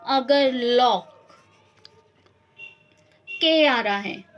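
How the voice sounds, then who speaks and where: A young woman teaching shorthand, slowly repeating each sound and example word to drill it. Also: on the high side, faint music behind. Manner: slow, repeats sounds and words to drill them. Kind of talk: instructional explanation.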